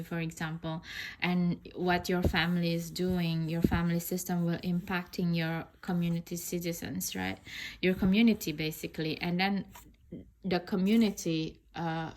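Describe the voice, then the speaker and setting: A woman from Indonesia, not an English speaker, talking casually and thoughtfully in a tarot review, rambling with many fillers and restarts. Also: on the low side. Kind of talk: casual unboxing review talk.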